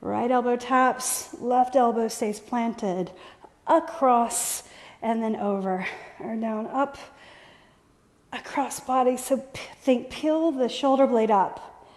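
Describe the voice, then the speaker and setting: A woman's voice: fairly high pitch, takes it slowly, big-room sound. A woman leading a workout class as fitness instructor, calling out short, encouraging coaching cues.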